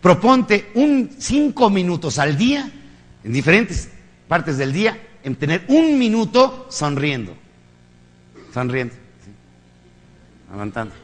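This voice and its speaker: A man with a Mexican accent lecturing an audience in a motivational talk, his voice sitting a little high for a man. He preaches emphatically, firing off rhetorical questions and crude jokes. The sound rings with the long reverb of a large hall. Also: very animated, measured pace. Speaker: motivational speaker.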